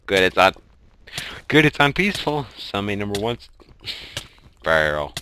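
A man giving excitable let's play commentary and crying out when his character dies. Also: lowish voice, moderate pace, slight background noise. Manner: excitable, shouting at in-game deaths. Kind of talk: game commentary.

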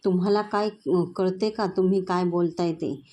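A woman reads the part of a proud middle-aged father of the groom, shouting and demanding in a storybook reading. The voice sits fairly low and sounds mellow. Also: fairly even intonation, moderate pace, close to an everyday voice. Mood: angry.

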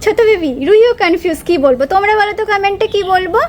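A woman from West Bengal narrates a family vlog outdoors in her courtyard. Her voice sits very high, and she chats warmly with a toddler in sing-song baby talk. A clip-on wireless mic picks her up up close. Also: fast, slight background noise. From West Bengal, India. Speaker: vlogger, mother. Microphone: wireless lapel mic.

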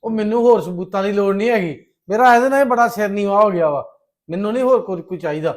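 A man's voice: high-pitched, fast, natural voice. An actor playing an angry brother who scolds his sister and family. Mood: ashamed. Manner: loud, scolding. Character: angry brother, head of the young household.

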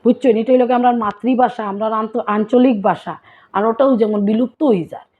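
A woman's voice: a little high, steady tone, fast talker. Sylheti vlogger woman, tinny phone sound. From Sylhet, Bangladesh. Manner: explains words patiently, often asking listeners if they understand. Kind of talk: casual explanatory vlog talk.

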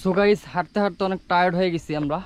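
A man's voice: high voice, steady tone, racing, clean tone. A young man narrating a casual travel vlog outdoors, chatty and addressing viewers as guys, mixing in English words. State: out of breath from climbing. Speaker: travel vlogger. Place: outdoors on a hill trail and beach. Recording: faint outdoor noise.

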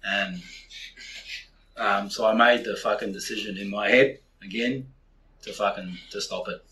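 Forties New Zealand man, lowish bright voice, blunt and sweary podcast guest telling it straight. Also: fairly even intonation, a little slow, a little hiss or hum, poor audio. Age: 40s. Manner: blunt, heavy swearing, candid storytelling. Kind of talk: casual podcast interview.

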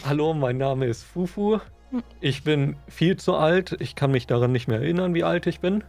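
A man's voice: a little high, moderate pace, creaky, a little mellow, faint music behind. A man joking around as a player on a game stream, playing up a grumpy bit. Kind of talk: casual game-stream chat.

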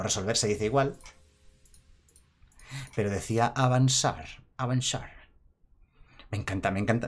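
A man streaming a card game, chatting casually, reading chat aloud and laughing often. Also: fairly low pitch. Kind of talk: casual live-stream commentary.

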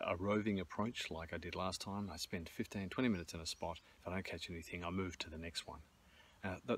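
A middle-aged Australian man explaining his fishing plan in a relaxed, rambling way, with fillers and restarts, filmed outdoors by a creek on a phone held at arm's length. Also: deep voice. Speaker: fishing vlogger. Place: outdoors by a shallow suburban creek. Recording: outdoor phone audio with stream noise. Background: trickling stream.

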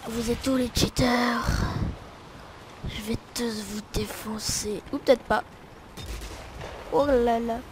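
A woman's voice: a little high, fairly even intonation, slow, long pauses, background noise. A woman giving casual gameplay commentary, playfully taunting and trash-talking her opponents. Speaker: gamer. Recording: loud gunfire from the game under the voice. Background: game gunfire and ambience.

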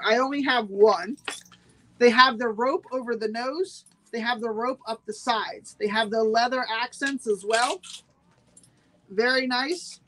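A woman's voice: fairly high pitch, fairly bright tone, a little hiss or hum, low-quality recording. A woman hosting a live-streamed sale, chatting with viewers and repeating every price twice. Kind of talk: live-streamed sales pitch.

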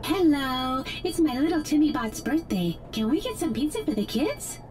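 A woman's voice: high-pitched, sing-song, moderate pace, darkish tone, faint music behind. A woman voicing a fussy mother robot who orders food for her child in a video game. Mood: chatty.

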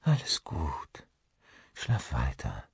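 A tender, soothing woman in a spoken thriller audiobook, put on by a male narrator. She speaks softly and calmly with a slight worry, in a raised, husky voice. The recording is close and dry. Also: lowish voice, slow pace, no room sound, pitched above the performer's own voice, full character voice. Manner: soft, calming, slightly worried. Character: gentle woman soothing her partner.

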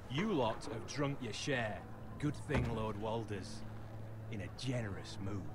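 A man voicing a low, sneering guard. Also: unhurried, background noise, natural voice. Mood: mocking.

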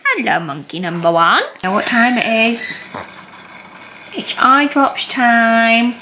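A woman's voice: on the high side, lively intonation, slow, sharp tone, a little hiss or hum, full character voice. A woman putting on a sing-song, cooing baby-talk voice to speak to a pet, stretching her words out.

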